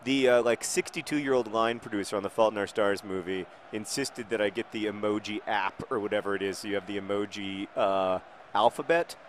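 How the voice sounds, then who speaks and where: A man hosting a casual gaming video, answering viewer questions in a rambling, self-deprecating way while now and then shouting at the match he is playing. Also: on the low side, brisk, a little hiss or hum. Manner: rambling, self-deprecating, dry jokes, sudden shouts at the game.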